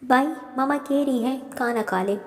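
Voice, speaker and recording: A woman's voice: high voice, measured pace. A woman voicing a mischievous young man, a younger brother, in a storybook reading. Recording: roomy reverb.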